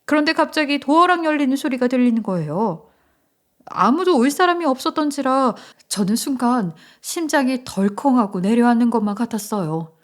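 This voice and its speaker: A woman narrating a first-person family story in a calm, measured, confiding way. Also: high voice.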